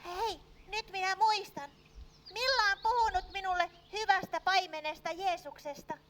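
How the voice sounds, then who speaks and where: A woman voicing an excitable, fretful little sheep in a church puppet show, full of small cries. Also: extremely high pitch. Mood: hopeful. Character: anxious clumsy little lost sheep, female. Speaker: puppet character.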